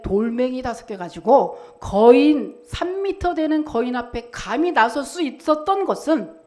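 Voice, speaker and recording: High-voiced woman preaching with drama. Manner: dramatic preaching, acting out mocking quotes. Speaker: pastor. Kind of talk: sermon. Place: church.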